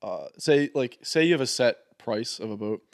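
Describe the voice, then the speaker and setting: A young man, a podcast guest, talking in a laid-back, halting way, often repeating words as he thinks aloud. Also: medium pitch, animated, dry recording, studio quality. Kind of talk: casual chat.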